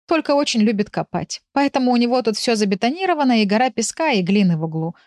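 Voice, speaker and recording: A woman's voice: on the high side, expressive, quick pace, darkish tone, dry recording, pitched above the performer's own voice, natural voice. A woman reading an audiobook, voicing a talkative, flustered village woman who keeps complaining about her pets. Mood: chatty. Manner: exasperated, chatty, complaining. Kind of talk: audiobook character voice.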